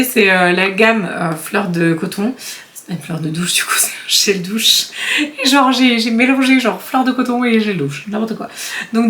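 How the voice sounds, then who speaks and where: A woman's voice: fairly low pitch, a little hiss or hum. Chatty woman unboxing beauty items. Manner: chatty, animated, laughs often, many fillers. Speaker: beauty YouTuber. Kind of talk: casual unboxing vlog.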